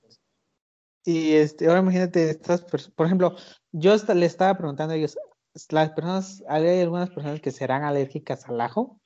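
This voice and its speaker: A man's voice: a little high, fairly even intonation, brisk, warm tone. A man with a Mexican Spanish accent hosting a casual podcast chat, talking loosely with many fillers. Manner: chatty, hesitant fillers, laughs often. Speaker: podcast host. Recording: lo-fi recording.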